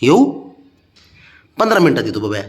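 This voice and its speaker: A man's voice: medium pitch, sing-song, moderate pace, echoey room. Man coaxing his cat in sweet-talk. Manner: coaxing, pleading baby talk. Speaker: cat owner. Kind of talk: casual talk to a pet.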